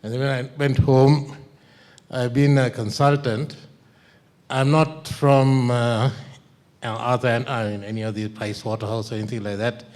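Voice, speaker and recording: A man's voice: mid-range voice, little pitch movement, a little slow, a little mellow. A man from Sri Lanka, a consultant making a frank, wry comment from the conference floor. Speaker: consultant in the audience.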